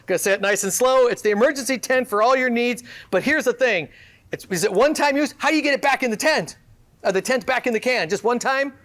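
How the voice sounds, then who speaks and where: High-voiced guy emceeing an event, hyping up each product like an infomercial, cracking little jokes. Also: sharp tone. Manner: upbeat pitchman delivery, joking asides to the audience. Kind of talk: live emcee patter introducing student products. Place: event venue with audience.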